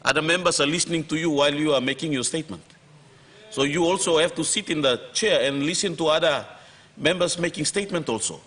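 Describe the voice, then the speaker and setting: A man's voice: fairly high pitch, fast, fairly bright tone, husky. A man with a Papua New Guinean accent speaking formally and firmly as deputy speaker from the chair, admonishing members. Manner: firm, admonishing.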